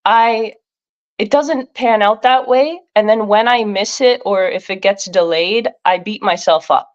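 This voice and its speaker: A woman guest talks thoughtfully in a casual live chat, often pausing on small fillers. Her pitch sits in the middle of the usual range. The sound comes through a dull, slightly muffled remote line. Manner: reflective, with many fillers. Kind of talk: casual live-stream conversation.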